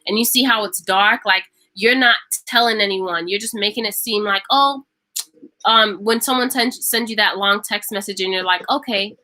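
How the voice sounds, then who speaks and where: A woman's voice: medium pitch, fairly even intonation, normal speed, hardly any pauses, bright, forceful tone, poor audio. A woman giving a casual tarot reading to camera. She talks emphatically and repeats phrases for stress. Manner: acts out imagined speech. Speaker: tarot reader.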